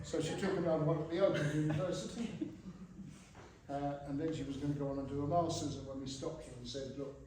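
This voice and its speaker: A man's voice: a little high, fairly even intonation, quick pace, warm tone. Echoey, distant middle-aged Englishman giving a speech. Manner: dry, teasing delivery. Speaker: father of the bride giving a wedding speech. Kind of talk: informal humorous prepared speech. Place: large reverberant room at a wedding reception. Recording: very echoey hall, distant mic, noisy room. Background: guests laughing, background noise.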